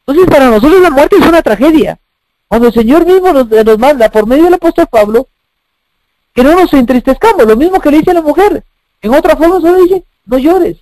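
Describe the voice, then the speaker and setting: A man's voice: very high voice, expressive, fairly quick, darkish tone, no room sound, low-quality recording. A man preaching a sermon, emphatic, asking rhetorical questions and repeating phrases.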